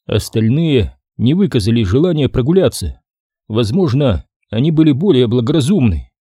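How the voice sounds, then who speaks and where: A man narrating a science fiction audiobook in an expressive storytelling manner. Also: mid-range voice, normal speed, slightly rough, no echo, clean studio sound. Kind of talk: scripted narration.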